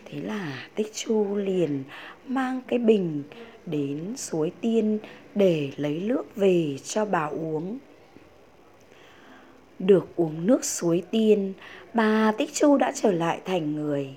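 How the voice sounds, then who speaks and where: A woman teacher telling a children's story with slow, expressive narration. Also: on the low side, a little hiss or hum.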